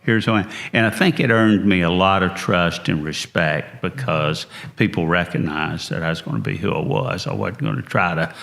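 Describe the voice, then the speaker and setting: An older man from North Carolina with a Southern accent, telling stories as a guest in an interview and talking slowly in an unhurried drawl. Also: sits low, expressive, vocal fry, a bit bright. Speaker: guest, business founder. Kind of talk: storytelling in an interview.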